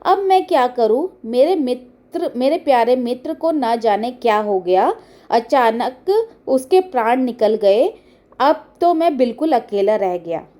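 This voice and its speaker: A woman's voice: a little high, expressive, a little slow, warm tone. A woman voicing a crafty male turtle who fakes grief, read from a children's storybook play. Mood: mournful. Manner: mournful storybook reading.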